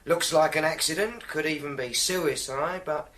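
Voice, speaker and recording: An actor playing a blustering, easily flustered police inspector in a radio drama, plain-spoken and stammering. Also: male voice, fairly high pitch, normal speed, a bit bright, lightly acted. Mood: grumbling, suspicious.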